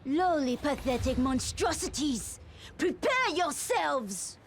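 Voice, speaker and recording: A woman's voice: high-pitched, very animated, takes it slowly, very noisy, full character voice. A woman voicing a haughty, menacing ninja villain in a video game cutscene, scornful and theatrical. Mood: scornful menace.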